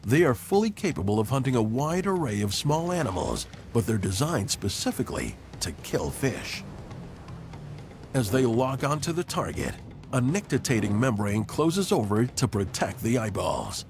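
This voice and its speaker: A man reading scripted nature documentary narration with measured, dramatic phrasing. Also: medium pitch, very animated, a little mellow. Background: background music.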